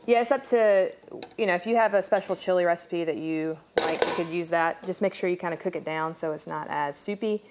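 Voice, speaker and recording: A young woman cooking on a TV studio kitchen set, relaxed and chatty as she explains each step, on a lapel mic. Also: fairly low pitch, brisk, few pauses, heavy background noise. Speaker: cooking show guest cook. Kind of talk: casual cooking demonstration.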